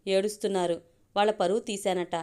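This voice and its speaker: An eager, innocent young woman talks openly to her elder sister, as a woman reads her lines in a storybook reading. The voice stays at a middle pitch and keeps a plain, natural tone. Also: fairly even intonation, brisk, darkish tone, smooth, lightly acted. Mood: confiding.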